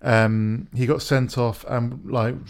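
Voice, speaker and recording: A man co-hosting a casual podcast chat, pausing often with ums and laughing as he talks. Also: medium pitch, flat delivery. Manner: hesitant, lots of ums and laughs. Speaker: podcast co-host.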